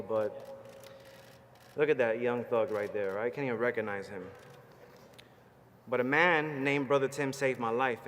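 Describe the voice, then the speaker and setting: His mid-range voice ringing with long reverb through a large ceremony hall, a Puerto Rican man in his thirties speaks forcefully at a podium mic. He's a Marine veteran graduate giving a motivational commencement speech, fired-up and rousing but plainspoken and personal. Faint background noise is audible.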